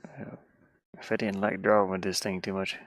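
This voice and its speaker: Low and flat at a normal speed, this man's voice comes through a dry recording. He livestreams while drawing on an art tablet in an insulated metal van, chatting casually, rambling, and frequently muttering half to himself.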